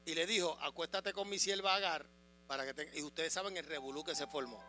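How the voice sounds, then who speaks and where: A man preaching a sermon as a pastor, swinging between loud proclamation and quiet asides, asking the congregation questions. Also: fairly high pitch, a little fast. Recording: music and mains hum behind.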